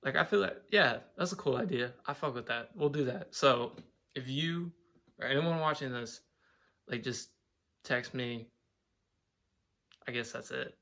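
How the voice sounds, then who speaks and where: A man's voice: medium pitch, a little slow, creaky, pauses often, fairly bright tone. A young man talking to camera at home in a casual vlog monologue, rambling, swearing often and leaning on "like". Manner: rambling, profane, filler-heavy with "like". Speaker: vlogger.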